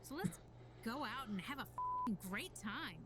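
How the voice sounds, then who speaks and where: A man's voice: very high-pitched, huge pitch swings, a little slow, pitched above the performer's own voice, heavily acted. A man voicing a brash, sassy young woman gamer with a swaggering, cursing manner. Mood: defiant, brash.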